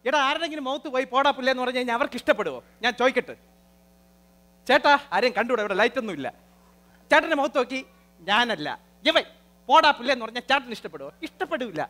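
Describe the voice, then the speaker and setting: A man hosting a live comedy show, talking to the audience in a lively, bossy manner and lecturing his sidekick. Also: very high-pitched, fast talker. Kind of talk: live stage comedy and mimicry.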